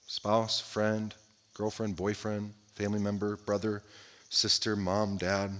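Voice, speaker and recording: A man preaching a sermon, asking his listeners question after question, often restarting phrases and letting line endings sink to a near hush. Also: on the low side, monotone, takes it slowly. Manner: asks the listeners many direct questions; drops to a hushed voice at the ends of phrases. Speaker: pastor.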